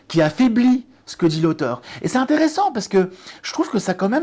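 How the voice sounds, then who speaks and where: A middle-aged man, a test-prep director and author, explaining exam strategy in an interview with frequent restarts and lively emphasis. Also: sits high.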